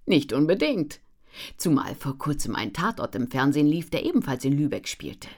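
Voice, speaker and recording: A cheerful, dynamic editor, voiced by a woman narrator bursts with enthusiasm. Her voice stays low, but she speaks louder and brighter than the narration around it. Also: sing-song, normal speed. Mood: enthusiastic. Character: upbeat female book editor, enthusiastic.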